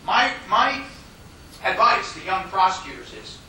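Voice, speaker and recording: An American law lecturer gives an informal classroom lecture, speaking emphatically and conversationally and acting out quoted dialogue. His voice sits high and is very animated, pushed and bright, though his pace is unhurried. The mic is distant, so the room sounds echoey with faint noise.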